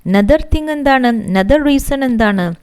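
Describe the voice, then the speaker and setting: A woman English teacher with a Malayali accent, working through a textbook lesson. She reads the English lines slowly, then explains them in quick Malayalam, asking questions and answering them herself. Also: on the high side, lively intonation, a little mellow, clean tone.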